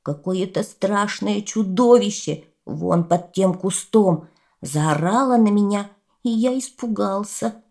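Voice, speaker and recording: A woman voicing a frightened, tearful little rabbit who pleads in a high voice. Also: slow, vocal fry, a little mellow. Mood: pleading.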